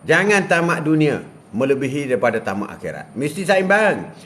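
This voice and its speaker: An older man from Malaysia hosting a casual live stream, giving religious advice in an animated way, laughing and reading viewer comments aloud outdoors. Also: on the high side, normal speed. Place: outdoors beside a plantation.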